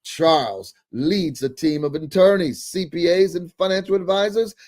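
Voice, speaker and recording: Hosting an interview on a church broadcast, a man with a high-pitched, darkish voice speaks at a moderate pace. He is an enthusiastic interviewer, emphatic and preacherly, and laughs often as he talks.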